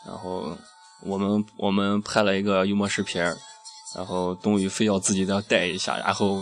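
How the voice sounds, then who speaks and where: Man, low voice, casual radio host, irreverent and slangy, faint music behind. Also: level tone, normal speed. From Shaanxi, China. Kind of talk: casual chat. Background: background music.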